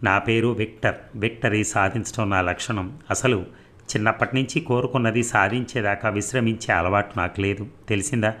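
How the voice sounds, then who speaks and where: Confident young male lover, boastful, insistent, low voice, storybook romance, read by a man. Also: fairly even intonation, moderate pace, fairly bright tone, natural voice. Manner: insistent, self-assured.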